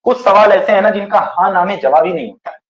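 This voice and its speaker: A man teaching a class, dictating notes slowly and asking and answering his own questions. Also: sits high. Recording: echoey room, dull lo-fi sound.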